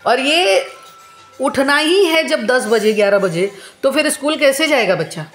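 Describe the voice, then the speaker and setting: A woman's voice: sits high, lively intonation, measured pace, fairly bright tone, echoey room, soft background music. Aggrieved woman venting at home. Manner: aggrieved, repetitive complaining. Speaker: vlogger. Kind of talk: casual venting to camera.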